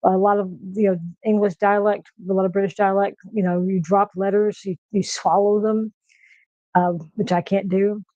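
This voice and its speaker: A middle-aged American woman chatting casually on a home cooking stream. She talks quickly when excited and pauses to search for words. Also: mid-range voice, no room sound, muffled recording. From United States. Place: home kitchen.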